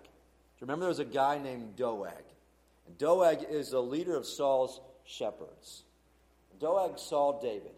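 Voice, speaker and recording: A man preaching a sermon in a mellow, darker voice. He retells the scripture story earnestly and conversationally. The room around him is echoey. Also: fairly high pitch. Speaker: pastor.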